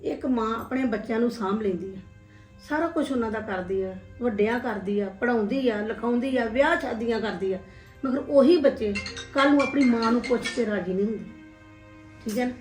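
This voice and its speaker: A woman's voice: on the high side, a little fast, darkish tone, lightly acted. A woman playing an elderly mother in a family drama, lamenting sorrowfully that her sons have neglected her. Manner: lamenting, sorrowful, breaks into tears. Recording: echoey room, mic far off, music behind.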